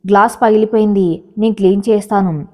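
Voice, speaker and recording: A woman's voice: mid-range voice, fairly even intonation, a little fast, warm tone, lightly acted. Woman reading as Amulya, a timid young clerk. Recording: long hall reverb.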